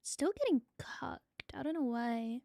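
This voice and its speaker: A woman's voice: high-pitched, animated, a little slow, vocal fry, warm tone, no room sound, studio quality. A young adult woman streaming as a VTuber, chatting playfully with her viewers and swearing casually. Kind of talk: casual livestream chat.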